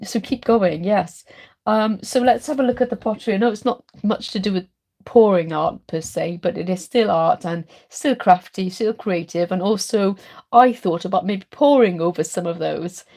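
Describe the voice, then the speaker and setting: A middle-aged Welsh woman who hosts an art channel chats on a late-night live stream. Her medium-pitched voice is congested and chesty from a cold, and she rambles warmly with plenty of ums.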